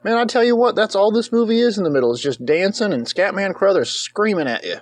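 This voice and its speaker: Man, movie reviewer, fairly high voice, joking rambling commentary, dry close sound. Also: animated, fast, dry recording. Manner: joking, rambling, whoops and cheers. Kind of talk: casual comedic commentary.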